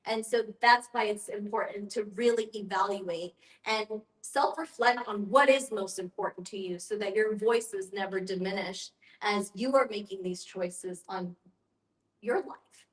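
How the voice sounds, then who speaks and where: At medium pitch and a little slowly, a woman who teaches about end of life leads a group discussion as guest facilitator. She explains things earnestly, repeats for emphasis, and tells personal anecdotes, recorded in an echoey room.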